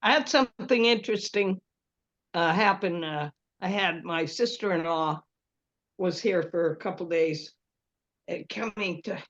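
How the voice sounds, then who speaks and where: A woman's voice: on the low side, a little slow. Chatty woman telling a story, lo-fi sound. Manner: chatty storyteller, laughs often, acts out quotes. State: prone to coughing. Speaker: group member. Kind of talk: casual group chat.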